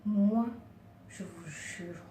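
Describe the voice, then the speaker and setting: She talks extremely slowly in a dark, mid-range voice, giving earnest, coaxing beauty advice in a casual vlog and often addressing viewers as girls. The beauty and lifestyle vlogger is working in a second language and sometimes searches for words. A distant microphone captures roomy echo and faint background hiss.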